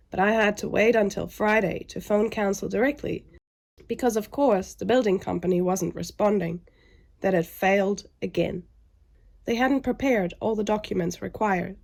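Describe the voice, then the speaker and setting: A woman's voice: mid-range voice, gravelly, darkish tone. A woman sounding under the weather and weary, narrating a scripted vlog with frustration.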